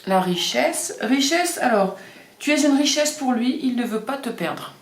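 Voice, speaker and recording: A woman's voice: high voice, expressive, unhurried. A woman doing a casual card reading, talking hesitantly with many fillers and repeating the card words. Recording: echoey room.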